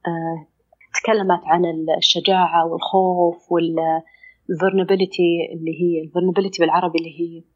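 Fast-talking husky Saudi woman. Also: fairly low pitch, lo-fi sound. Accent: Saudi Arabic. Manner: expressive, acts out inner dialogue. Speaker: psychologist guest. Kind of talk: conversational explanation.

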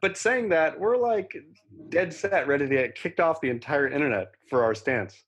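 Brief: husky Southern California man, co-host, sarcastic, pitch jumps all over. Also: expressive, moderate pace, fairly bright tone. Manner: sarcastic, slides into mocking voices. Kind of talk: casual podcast chat.

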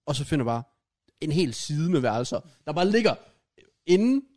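A man's voice: a little high, big pitch swings, darkish tone. A man co-hosting a casual podcast, telling a shared travel story in a loose, hesitant way with fillers. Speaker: podcast co-host. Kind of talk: casual chat.

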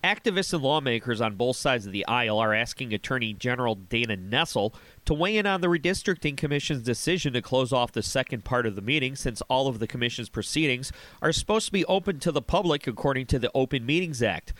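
A male news anchor reading a scripted report in a formal, crisp way. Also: mid-range voice, animated, quick pace, a bit bright, dry recording.

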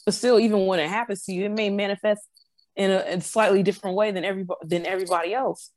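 A woman's voice: medium pitch, fairly even intonation, fast, a little mellow, dry recording. A woman in casual conversation, explaining her views earnestly and often stopping to restart a phrase.

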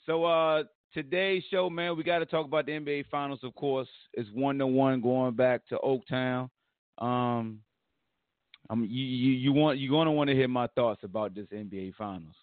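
An American man with a hoarse voice hosts a sports podcast, talking casually in a blunt, animated, slangy way with some swearing. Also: mid-range voice, normal speed, dry recording, narrow, tinny audio. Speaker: podcast host.

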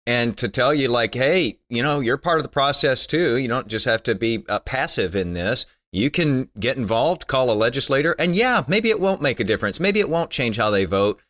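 A man's voice: mid-range voice, brisk, hardly any pauses. A man hosting a casual talk podcast over a video call, talking easily with lots of "uh" and "you know.". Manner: relaxed, filler-heavy, upbeat. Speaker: podcast co-host. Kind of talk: casual chat.

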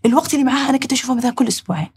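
Saudi woman host, quick and husky, talks things through in a reflective rush. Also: sits high, darkish tone. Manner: reflective, thinks aloud in rushed bursts. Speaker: podcast host. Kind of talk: heartfelt conversational talk.

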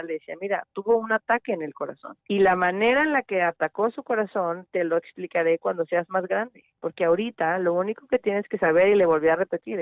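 A woman's voice: medium pitch, no room sound. A woman, a mother talking earnestly as a radio interview guest, often restarting her sentences. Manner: earnest, reflective, many restarts. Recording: tinny phone line, dry.

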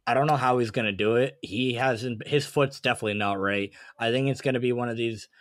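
A man's voice: mid-range voice, brisk, dry recording, studio quality. A man co-hosting a sports podcast in casual chat, rambling and thinking aloud as he goes. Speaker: podcast co-host.

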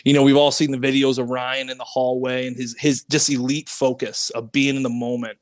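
A man's voice: medium pitch, a little fast. A former pro hockey player, a man, guesting on a podcast and telling stories in a casual, rambling way with lots of fillers. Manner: rambling, animated, many fillers.

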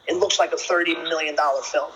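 A man's voice: on the high side, fairly even intonation, quick pace, fairly bright tone, a little hiss or hum, poor audio. A man being interviewed, talking casually and bluntly in a brash, hyped-up frat-bro way with frequent swearing. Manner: blunt, opinionated. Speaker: film producer and actor being interviewed.

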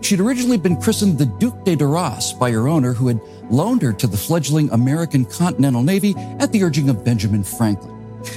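A man narrating a naval history story in a scripted, dramatic storytelling manner with wide pitch swings. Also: sing-song, fairly quick, warm tone, faint music behind.

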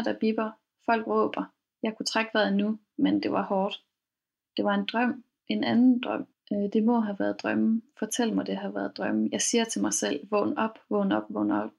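A woman podcast host retelling a first-person account in a calm, measured way. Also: medium pitch, vocal fry. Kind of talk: storytelling podcast reading.

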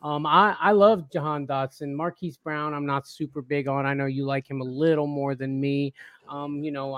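A man's voice: on the high side, no room sound. Upbeat man with a dry close mic. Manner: excitable, laughs often, repeats himself. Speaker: fantasy football co-host. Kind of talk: casual live-stream chat.

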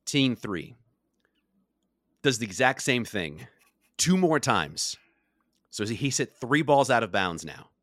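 Animated man telling a golf story. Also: mid-range voice, slow pace, long pauses, no echo, clean studio sound. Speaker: podcast co-host. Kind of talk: casual storytelling chat.

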